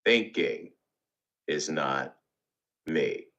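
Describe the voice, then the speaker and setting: In a very deep voice with a bright, forceful edge, a man reads a guided meditation expressively. He goes extremely slowly, placing short phrases with deliberate pauses between them.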